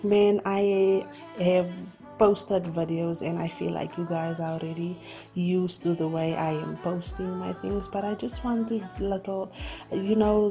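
Laid-back woman vlogger, low gravelly voice, slow and mellow, soft music under it. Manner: relaxed, thoughtful, many fillers. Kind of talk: casual voice-over narration.

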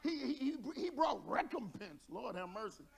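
Male pastor with a light Texan accent, high voice, lively preaching, shouts and jokes in a church. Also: normal speed, gravelly, slightly rough. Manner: animated preaching, shouting at peaks, joking with congregation. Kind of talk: sermon. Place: church sanctuary.

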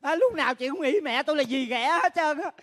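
A performer playing a sharp-tongued younger sibling. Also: high voice, lively intonation. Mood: scolding. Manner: scolding, rapid reproach. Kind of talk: live stage comedy skit.

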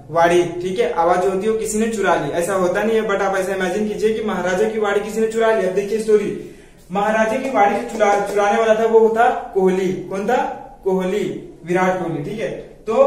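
A man's voice: sits high, steady tone, moderate pace, a little mellow, heavy reverb, far from the mic. A man teaching a memory trick through a story, often repeating lines and quizzing his listeners. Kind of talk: story-based memory lesson.

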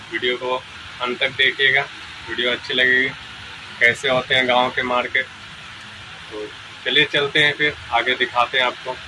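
A man's voice: mid-range voice, background noise. A young man filming a casual vlog on a phone held at arm's length, guiding viewers around his shop and a village market. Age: young adult. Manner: chatty guide, points things out to viewers. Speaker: vlogger.

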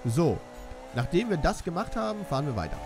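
In fairly quick, slightly high speech with wildly swooping pitch, a young let's-play commentator makes fun of himself while racing in a game. Background sounds include the game's music and cars.

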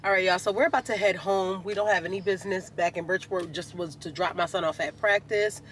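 High-voiced man chatting in a car. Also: fast talker. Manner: animated, chatty, keeps addressing viewers. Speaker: vlogger. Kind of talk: casual chat to camera. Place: inside a car. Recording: car noise behind.

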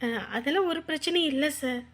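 A woman voicing a young daughter-in-law, deferential, polite, high-pitched. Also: fast talker, fairly bright tone. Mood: embarrassed. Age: young adult. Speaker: daughter-in-law in a family drama.

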